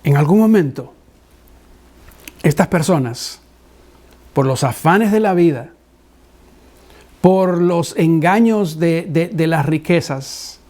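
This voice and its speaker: A man preaching a sermon, a pastor who tells a personal story with lively acted-out dialogue and frequent restarts. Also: on the high side, slow, pauses often.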